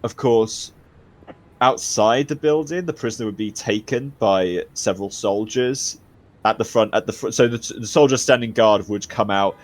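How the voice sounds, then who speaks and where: Low-voiced man narrating as game master. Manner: loose, halting narration with restarts.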